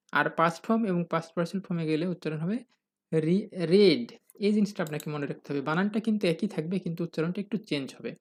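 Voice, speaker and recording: Teacher for a recorded grammar lesson. Patient and methodical, answers their own questions, and spells out each example sentence slowly. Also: medium pitch. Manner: addresses the viewers as "dear learners".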